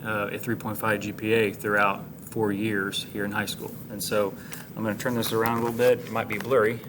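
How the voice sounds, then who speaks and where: An American man speaking as a high school administrator, giving students informal, encouraging announcements like an orientation leader, with plain, halting phrasing. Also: level tone, noisy background.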